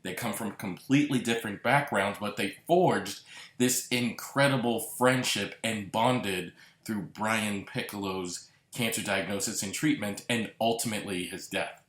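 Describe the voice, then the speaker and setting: A man's voice: fairly low pitch, a little slow, fairly bright tone. A man hosting a solo podcast, talking earnestly and reflectively, lingering on repeated words. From Massachusetts. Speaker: podcast host. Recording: roomy echo.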